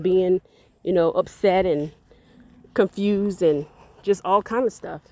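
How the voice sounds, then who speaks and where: In a dark-toned, medium-pitched voice, a woman vlogging casually tells an earnest parenting story full of faith, rambling and repeating words. She is walking outdoors and sounds a bit out of breath. She's a parent vlogger.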